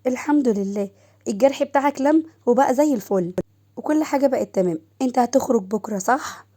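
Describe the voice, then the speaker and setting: A woman storyteller voicing a coquettish Egyptian nurse in an audio story. Her coy, sing-song lines sit a little higher than the narration, mellow and soft. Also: a little fast, lightly acted. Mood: flirty. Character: flirty hospital nurse, coy.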